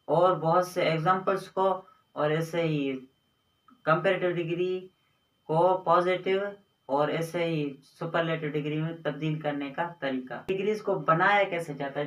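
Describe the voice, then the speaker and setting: A male teacher with a high voice explains grammar slowly and patiently, stretching out words and repeating points. He sounds set back from the mic, and the room gives his voice a roomy echo. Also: fairly bright tone. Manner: slow, repetitive explaining with drawn-out words. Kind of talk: Hindi grammar lesson on English adjectives. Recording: echoey room, voice from a distance.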